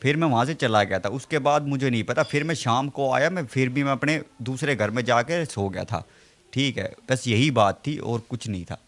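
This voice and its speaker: A man giving a halting account in a local news interview, repeating a filler between phrases. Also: medium pitch.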